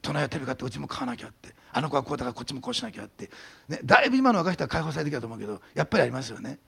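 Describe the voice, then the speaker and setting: A man's voice: mid-range voice, rapid-fire, vocal fry, breathy edge. A male pastor preaching a sermon, telling stories animatedly and acting out what people say. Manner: animated storytelling, acting out quotes.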